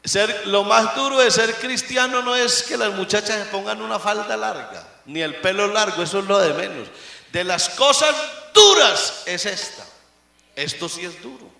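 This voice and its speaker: A man preaching a sermon as pastor, swinging between loud emphatic lines and hushed asides. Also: high voice, lively intonation, normal speed, vocal fry. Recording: echoey room.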